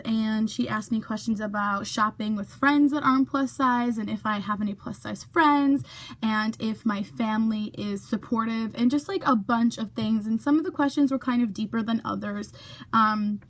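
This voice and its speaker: A young adult woman YouTuber talks casually to her camera in a vlog at normal speed, her voice on the high side. She uses plenty of fillers and sometimes drops to a whisper for asides.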